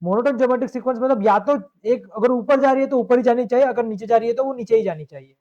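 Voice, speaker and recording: A high-pitched man works through a math problem in a live online class, checking step by step that his students follow. The sound is dull and lo-fi, like a compressed stream. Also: a little fast, mellow. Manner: explains step by step, asks students to confirm. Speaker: math teacher.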